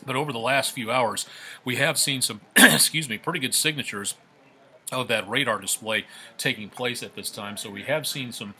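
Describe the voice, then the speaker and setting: A male TV meteorologist doing a live weather forecast, ad-libbing loosely and repeating himself, his voice coming through a faulty mic on a low-quality stream. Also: moderate pace, bright, forceful tone, husky. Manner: loose, repetitive, filler-heavy ad-libbing. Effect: low-quality stream audio from a faulty microphone.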